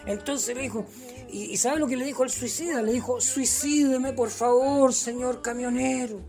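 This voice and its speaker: A man's voice: very high-pitched, fairly even intonation, normal speed, a little mellow, faint music behind. A man playing a cheeky, rambling male vagabond who tells jokes with a Chilean accent. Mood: joking. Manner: rambling storyteller full of fillers and punchlines. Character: cheeky joke-telling male vagabond, middle-aged.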